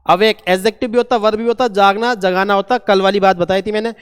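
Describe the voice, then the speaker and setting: Male teacher, high smooth voice, vocab class, long hall reverb. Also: fairly even intonation, fast. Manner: repeats key words and quizzes students. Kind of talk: vocabulary lesson.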